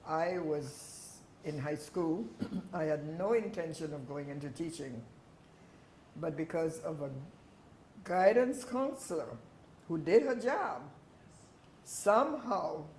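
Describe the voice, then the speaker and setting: A man who works as a teacher, reminiscing in a reflective, deliberate and emphatic way. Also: on the high side, gravelly, darkish tone. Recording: roomy echo, faint background noise.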